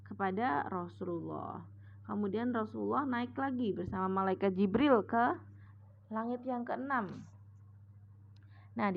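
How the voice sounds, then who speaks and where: A woman's voice: medium pitch, vocal fry. Patient woman teacher retelling a story. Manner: patient, retelling step by step with "nah" and "sama". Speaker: religious teacher. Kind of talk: storytelling lesson. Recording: dull lo-fi recording with faint hum.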